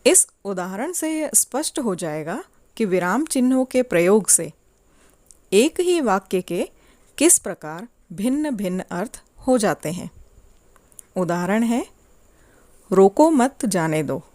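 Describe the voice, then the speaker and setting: A woman teaching a grammar lesson to children in a slow, deliberate, clearly paced way. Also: medium pitch, very animated, dark tone, no echo.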